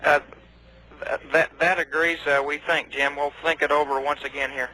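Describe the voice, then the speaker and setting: A man's voice: a little high, level tone, moderate pace. A male mission control communicator giving brief, procedural messages to astronauts over a space radio link. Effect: space radio transmission. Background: radio static and noise.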